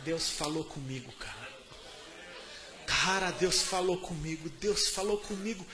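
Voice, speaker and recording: A man with a Brazilian Portuguese accent preaching a sermon, telling his testimony in casual slang with lots of repetition, dropping to soft murmurs and rising to loud outbursts. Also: fairly high pitch, animated, measured pace, crowd noise.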